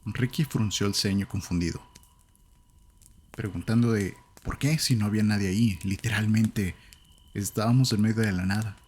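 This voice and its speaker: A man with a Latin American Spanish accent, telling a horror story in calm, measured scripted narration. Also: on the low side, slightly rough.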